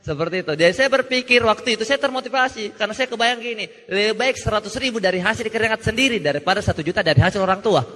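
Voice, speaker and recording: A young man telling a joking, animated story at a motivational seminar, acting out the voices of people he quotes. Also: sits high, rapid-fire, few pauses, a little hiss or hum. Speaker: motivational speaker. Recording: reverberant hall.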